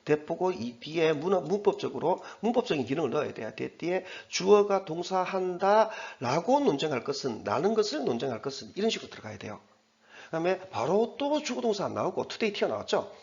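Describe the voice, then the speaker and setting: A man's voice: fairly high pitch, big pitch swings, brisk, darkish tone, dull audio. A man teaching English grammar in Korean, explaining step by step and slipping English terms into his explanations. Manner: explains step by step, pointing at the text on the board. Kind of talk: recorded exam-prep lecture.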